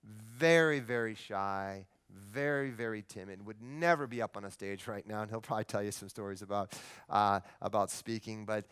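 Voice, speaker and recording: A man presenting at a live seminar, telling a story on stage in an animated, emphatic way. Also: fairly low pitch, normal speed, hardly any pauses, clear, resonant tone.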